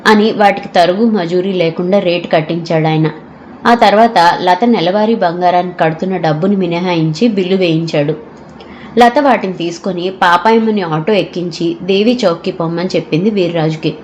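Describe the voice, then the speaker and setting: A woman narrating an audio novel in a steady storytelling manner. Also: fairly low pitch, moderate pace, slight background noise.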